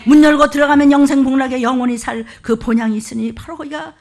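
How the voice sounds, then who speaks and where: A woman's voice: sits high, fairly even intonation, quick pace, darkish tone. A middle-aged woman pastor preaching a sermon, fervent and scolding, with sudden commanding outbursts.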